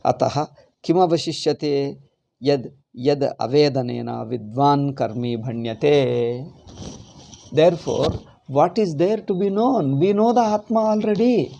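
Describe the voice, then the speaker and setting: A man's voice: fairly high pitch, a little slow, vocal fry, pauses often, dark tone, lo-fi sound, a little hiss or hum. A man with a South Indian accent teaching scripture in a lecture style, explaining emphatically with repetition and rhetorical questions. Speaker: Vedanta teacher. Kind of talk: spoken scriptural lecture with Sanskrit quotation and commentary.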